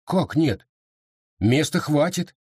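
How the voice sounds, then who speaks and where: A man's voice: a little high, animated, slow pace, darkish tone, breathy edge, no room sound, studio quality, full character voice. A man voicing a blunt, reluctant colonial guard in an audiobook.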